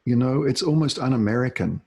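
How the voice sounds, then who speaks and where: Gravelly, husky man hosting an interview. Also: medium pitch, a little mellow. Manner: halting, searching for words with many restarts. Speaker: host. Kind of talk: interview question.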